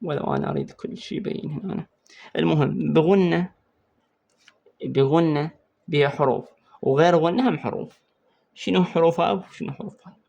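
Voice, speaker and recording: A man with an Iraqi Arabic accent teaching an exam-prep lesson on Quran recitation rules. He quizzes the student and repeats key points slowly while writing on a board. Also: fairly high pitch, vocal fry, darkish tone, lo-fi sound. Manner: writes on a board while explaining.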